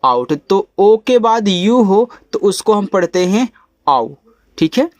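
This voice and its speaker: A man teaching an English reading lesson, who spells out each letter slowly and then says the whole word lower and softer, checking in with his students. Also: sing-song, no echo. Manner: coaxing, checks in with "ठीक है?". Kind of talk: step-by-step phonics lesson.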